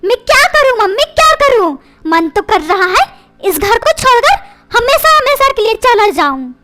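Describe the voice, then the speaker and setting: A woman's voice: very high voice, sing-song, moderate pace, bright, forceful tone, heavily acted. A woman voicing a cheeky, whiny schoolboy son in a comic cartoon, tattling and talking back.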